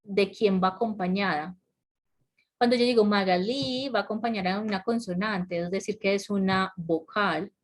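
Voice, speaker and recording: This online class features a woman teaching English grammar, her voice at an ordinary middle pitch and picked up by a computer microphone on a video call. She speaks at normal speed with patient, unhurried explanations, regularly checking on students, questioning the class, and laughing softly.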